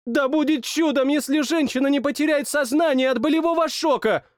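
A man's voice: very high voice, dry recording, clean studio sound, pitched above the performer's own voice. Man playing a fierce young otherworldly woman. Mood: indignant. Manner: sharp, scolding, rapid-fire. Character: young woman from another world, fierce, indignant.

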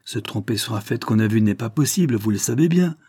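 A man's voice: fairly low pitch, expressive, a little fast, warm tone, slightly rough, no room sound, studio quality. A man voicing a stern, contemptuous old colonel who accuses and threatens in a raised, harsh voice.

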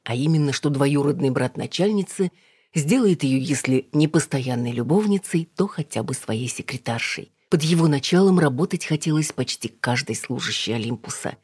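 An audiobook reader narrating a novel in a steady, even storytelling manner. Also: mid-range voice, husky, dry recording.

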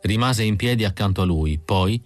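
A man reading an audiobook in a measured, even scripted narration. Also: on the low side, no echo, soft background music. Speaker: audiobook reader.

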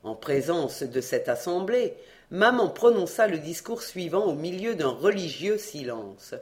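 Measured audiobook narrator. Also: medium pitch, very animated. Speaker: audiobook reader. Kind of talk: adventure novel reading.

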